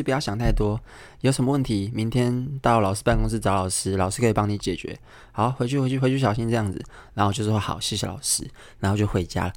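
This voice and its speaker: Low-voiced Taiwanese man telling a story. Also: no echo. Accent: Taiwanese Mandarin. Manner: animated, acts out the people in his story. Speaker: podcast host. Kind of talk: casual storytelling monologue.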